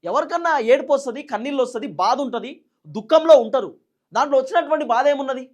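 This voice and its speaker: A man with a Telangana Telugu accent delivers political commentary in a strikingly high voice. He fires off one rhetorical question after another in an indignant tone. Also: lively intonation, quick pace.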